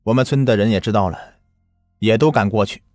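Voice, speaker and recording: A man's voice: on the low side, fairly quick, darkish tone, no echo, clean studio sound, soft background music. A man narrating a first-person ghost story in an earnest manner, recounting a village memory from his childhood.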